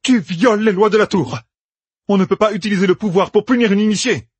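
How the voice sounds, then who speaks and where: A stern woman elder, as a male narrator puts her on, rebuking in a raised, loud, husky voice. The sound is dry and close. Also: sits high, fairly quick, no room sound, voice pushed up. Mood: indignant.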